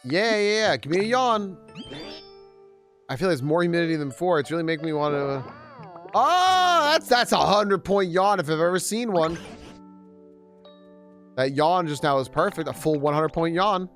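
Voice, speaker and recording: A man's voice: fairly high pitch, moderate pace, pauses often, faint music behind. A man streaming a video game live, chatting with viewers and cheering at what happens on screen. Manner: excitable, chats with viewers, talks to characters. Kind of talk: casual live game commentary.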